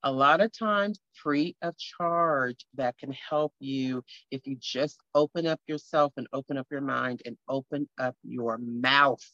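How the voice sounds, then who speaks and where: A woman's voice: a bass voice, unhurried, few pauses, fairly bright tone, dry recording. A woman co-hosting a podcast, talking earnestly in a casual interview and getting emotional. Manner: earnest, grows emotional and tearful. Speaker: podcast co-host and guest. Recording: slightly muffled lo-fi audio.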